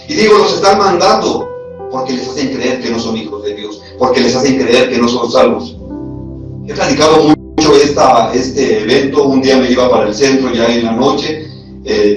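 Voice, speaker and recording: Pastor preaching in an echoey hall. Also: male voice, medium pitch. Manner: conversational preaching with rhetorical questions. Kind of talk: sermon. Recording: echoey hall, voice from far off, music behind.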